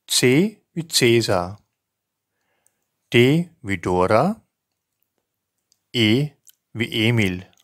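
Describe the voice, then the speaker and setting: A man in his fifties teaching a language lesson, reciting examples in a deliberate, carefully enunciated way. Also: fairly low pitch, no room sound, clean studio sound.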